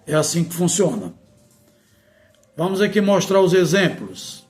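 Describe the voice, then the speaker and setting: Male teacher, higher-pitched voice, chants rhymed verse and explains it. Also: big pitch swings, measured pace, darkish tone, faint music behind. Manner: recites verses in a sing-song rhythm, then explains them. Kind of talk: lesson in rhymed cordel verse.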